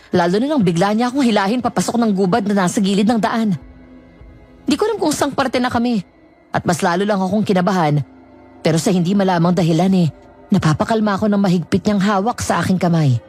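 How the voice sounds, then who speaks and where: A woman with a husky, breathy voice tells a first-person horror story in tense, scripted narration. Faint music runs underneath. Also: mid-range voice, a little mellow.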